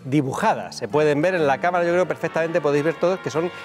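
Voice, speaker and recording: A man's voice: fairly high pitch, quick pace, soft background music. A man talking casually as a guest magician, friendly and jokey, explaining a card trick to viewers. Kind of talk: casual TV chat.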